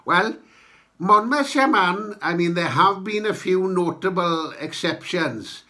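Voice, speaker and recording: A Welsh-accented man hosting a podcast, giving an opinionated, halting political monologue with emphatic points. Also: sits high, expressive, bright, forceful tone. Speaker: podcast host.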